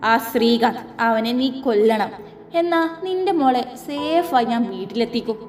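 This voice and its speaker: A woman's voice: on the high side, expressive, moderate pace, a little mellow, lightly acted. Woman voicing a cold menacing male villain. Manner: cold, commanding threats. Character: ruthless threatening male villain, young adult.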